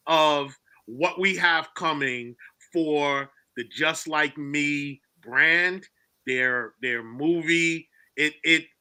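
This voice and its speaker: A man's voice: on the high side, pushed and bright, dry recording. A man hosting a live-streamed interview, upbeat and encouraging toward his guests. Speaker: host.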